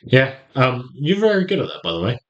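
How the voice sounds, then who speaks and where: A man with an English accent co-hosting a football podcast in casual, teasing chat with his brother. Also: brisk. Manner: teasing, jokey, lively pitch swings. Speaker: podcast co-host. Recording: slightly dull lo-fi sound.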